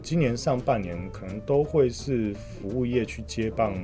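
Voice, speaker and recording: A man with a Taiwanese accent talks at a middle pitch in a casual podcast style, with soft guitar music underneath. He speaks as a guest commentator, haltingly, doubling up short agreeing words as he goes. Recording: music playing under the talk.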